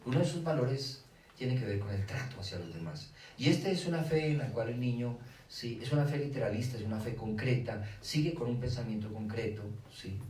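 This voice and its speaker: A man's voice: medium pitch, fairly quick. Colombian man lecturing in echoey room. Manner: animated, asks rhetorical questions, acts out dialogue. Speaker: speaker on children's faith. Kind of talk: lecture to a live audience. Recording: echoey room from far off, faint hiss.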